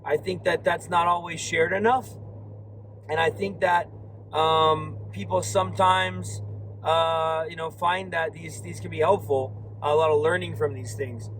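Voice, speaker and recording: Hoarse man vlogging from his car. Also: a little high, fairly even intonation, unhurried, a bit bright, low-quality recording. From Florida. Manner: rambling, many fillers and restarts. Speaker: card shop owner. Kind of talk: casual vlog while driving. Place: inside a moving car. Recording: faint car road noise.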